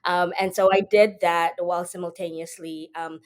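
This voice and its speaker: A woman's voice: lowish voice, level tone, moderate pace, clear, resonant tone. A woman in her thirties from South Africa, speaking as a podcast guest in a reflective, advising way. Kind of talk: conversational interview answers.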